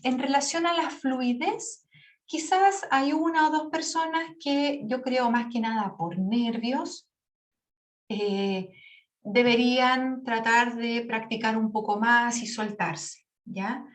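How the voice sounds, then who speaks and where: A woman teacher giving patient, explanatory feedback on an exam to her class, often checking in with the students. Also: on the high side. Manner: patient, explanatory, checks in with frequent tag questions; demonstrates word pronunciation slowly. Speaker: English teacher.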